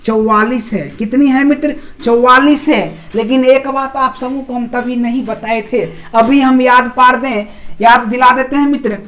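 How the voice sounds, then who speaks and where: A man's voice: very high-pitched, steady tone, normal speed, a bit bright. A man with a Bihari Hindi accent teaching an English grammar lesson. He keeps asking rhetorical questions, answers them himself, and repeats examples syllable by syllable. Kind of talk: classroom video lecture.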